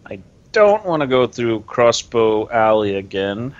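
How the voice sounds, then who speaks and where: A man's voice: medium pitch, sing-song, measured pace. A man playing a tabletop game, chatting casually and narrating what his character does. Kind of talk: casual role-play chat. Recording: dull, lo-fi sound.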